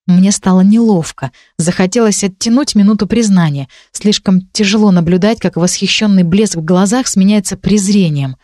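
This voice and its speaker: A woman narrating an audiobook in a measured, expressive way. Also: medium pitch, no room sound, studio quality.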